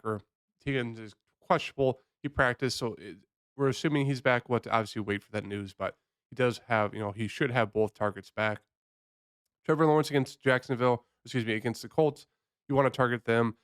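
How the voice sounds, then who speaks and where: A man's voice: lowish voice, fairly bright tone, clean tone, no echo, studio quality. A man who sounds sick, hosting a casual fantasy football picks breakdown in a loose, rambling, conversational way. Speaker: fantasy sports host.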